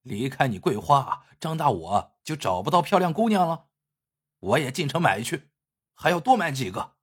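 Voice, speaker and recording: A male storyteller voicing a greedy, cowardly rich villager who talks low and wheedling. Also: very animated, moderate pace, breathy edge. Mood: grumbling.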